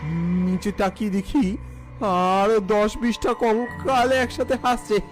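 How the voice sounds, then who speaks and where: A man's voice: high-pitched, steady tone, takes it slowly, faint music behind. A man narrating a scripted first-person ghost story in a theatrical, suspenseful way.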